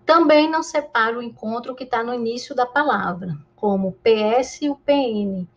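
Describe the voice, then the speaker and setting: Brazilian lady teacher, kinda high voice, says words slow syllable by syllable, bit muffled sound. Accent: Brazilian Portuguese. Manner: slow, drawn-out syllable-by-syllable pronunciation; answers imagined pupil objections in a higher mock voice. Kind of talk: classroom lesson.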